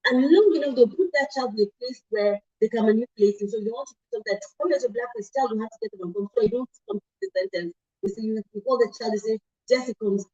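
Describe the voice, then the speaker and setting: Woman, middle-aged, talk-show host, animated storytelling, self-corrections, slightly muffled recording. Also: a little high, quick pace, hardly any pauses.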